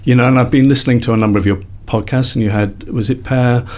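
In a casual interview, a man in his sixties from Liverpool, England, a psychologist and company founder, talks through his career. His mid-range voice moves at a quick pace with fairly even intonation and a darkish tone, and his reflective storytelling rambles, full of self-corrections.

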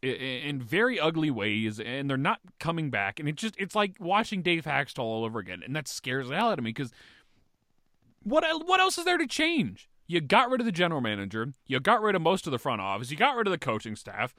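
Lively, bright-voiced man ranting about sports. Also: fairly high pitch, brisk, dry recording, studio quality. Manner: frustrated, swearing, lively rants. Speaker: podcast co-host. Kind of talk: casual sports chat.

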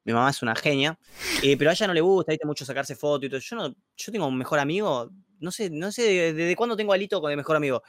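A young man with a Rioplatense Argentine accent, talking in slangy, animated bursts on a livestream chat. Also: a little high, fast, no echo, clean studio sound. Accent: Rioplatense Spanish. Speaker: streamer guest. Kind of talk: casual chat on a stream.

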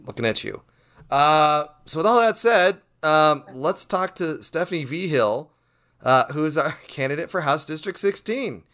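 A man's voice: a little high, lively intonation, a little slow, a bit bright. Jokey man hosting a podcast. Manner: jokey, rambling, self-deprecating. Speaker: podcast host. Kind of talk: casual podcast chat.

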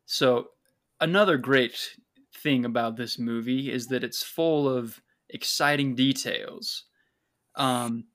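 A man's voice: mid-range voice, fairly bright tone. A man with a mid-range voice co-hosts a casual podcast. He jokes often and steers the conversation along. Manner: jokey, laughs often, steers the talk. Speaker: podcast co-host. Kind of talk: casual chat.

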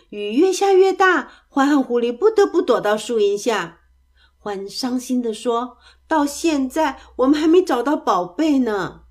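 A woman narrating a children's bedtime story in a soft, expressive voice. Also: on the high side.

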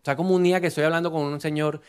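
A middle-aged man, preaching a lively sermon full of rhetorical questions. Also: a little high, very fast, clear, resonant tone. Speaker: pastor.

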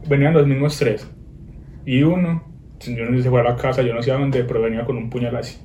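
A young man, telling an animated story in casual chat, full of slang. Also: fast, echoey room. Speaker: guest. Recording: noisy low-quality recording.

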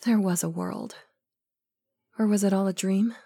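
A woman's voice: mid-range voice, steady tone, unhurried, mellow, dry recording, clean studio sound. A woman playing a remorseful queen. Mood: sorrowful. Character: remorseful beautiful queen, sorrowful and self-reproaching.

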